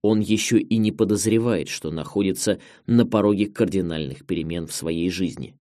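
A man with a low voice narrates a memoir audiobook, telling the story in a measured, expressive way. He's close on a studio mic, with no room sound.

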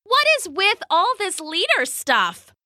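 A woman's voice: wildly swooping pitch, bright, forceful tone, no echo, clean studio sound, full character voice. A woman voicing a skeptical warty female frog who answers in a sarcastic, raised voice. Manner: sarcastic, quick and high.

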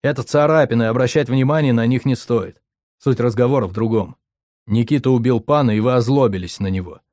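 A man voicing a calm, wry young man. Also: medium pitch, dry recording, clean studio sound, close to an everyday voice. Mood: calm reasoning. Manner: measured, sardonic.

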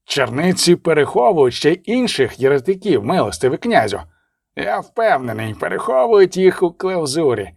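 A sinister male assassin with a rasping, distant-sounding voice, as a man reads him for an audiobook. He speaks slowly and coldly, each threat measured. The recording is dry and close. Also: fairly high pitch, big pitch swings, darkish tone, dry recording, voice pushed up, heavily acted. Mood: menacing. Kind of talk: audiobook character reading.

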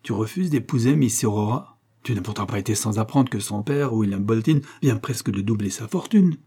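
A man's voice: on the low side, lively intonation, fairly quick, dark tone, slightly rough. A man voicing a harsh, domineering older engineer who berates his son in a scornful, raised voice. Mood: furious.

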